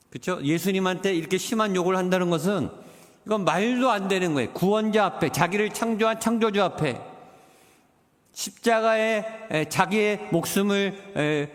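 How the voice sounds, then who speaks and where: A male pastor preaching a sermon, swinging between emphatic rises and quiet, slowed drops. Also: high-pitched, long reverb tail.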